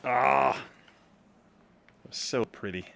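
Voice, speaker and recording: A man live-streaming a game, reacting excitably to each play, laughing often and chatting with viewers. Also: mid-range voice, moderate pace. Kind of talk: casual gaming live stream chat.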